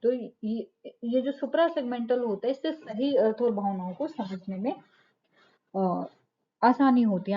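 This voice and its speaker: A woman's voice: a little high, muffled recording. A woman teacher giving a lecture, explaining step by step, asking rhetorical questions and checking in with "ठीक है". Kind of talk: classroom lecture.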